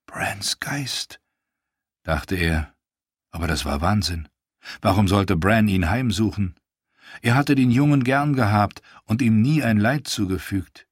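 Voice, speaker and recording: A man reading an audiobook in a measured, grave manner. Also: lowish voice, slightly rough, dry recording, studio quality. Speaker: audiobook narrator.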